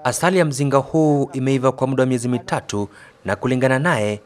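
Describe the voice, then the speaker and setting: A man's voice: medium pitch, fast, slight background noise. A man with a Kenyan accent reading scripted news feature narration in Swahili.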